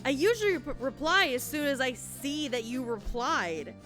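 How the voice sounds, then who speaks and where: A woman's voice: sits high, very animated, moderate pace, fairly bright tone, soft background music. A woman streaming a game, joking and chatting with viewers in casual commentary.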